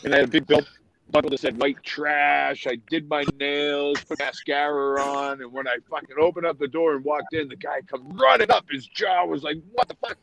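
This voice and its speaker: A man from Massachusetts with a New England accent, telling loud stories as a podcast guest, swearing and laughing often. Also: fairly high pitch, fairly even intonation, moderate pace, vocal fry, poor audio. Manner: profane, laughing storyteller. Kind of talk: casual chat.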